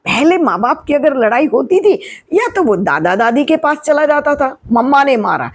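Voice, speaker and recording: A woman's voice: sits high, very animated, moderate pace. A woman in her sixties, a retired teacher, gives patient family advice, asking questions and answering them herself. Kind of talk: explanatory family advice talk.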